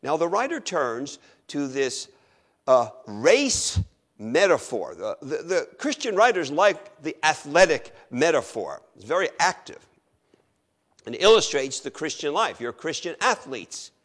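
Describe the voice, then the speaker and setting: A middle-aged man preaching a sermon, acting out his listeners' objections in an animated way. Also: fairly high pitch, a little slow.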